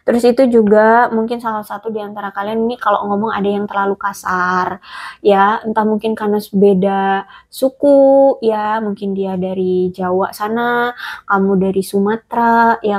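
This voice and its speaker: A woman's voice: medium pitch, darkish tone. A woman giving a casual tarot reading straight to the listener, chatty and hesitant, with many fillers and restarts. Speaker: tarot reader.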